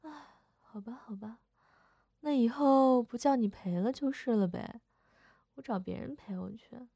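A woman's voice: on the high side, measured pace, gravelly, warm tone, dry recording. A young woman voicing a playful older sister in a second-person audio role-play, whining and teasing coquettishly.

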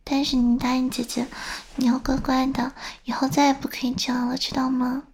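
A woman's voice: high-pitched, level tone, brisk, slightly rough. A young woman playing a stern but doting older sister who scolds and coaxes the listener, in a whispered role-play. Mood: lecturing. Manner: scolding, then coaxing softly.

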